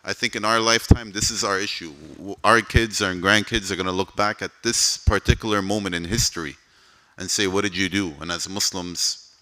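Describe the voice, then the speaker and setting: A man's voice: sits low, fairly even intonation, brisk, sharp tone. A man from Palestine, speaking for an advocacy group, answers audience questions in a mosque hall in a conversational way, often saying "you know".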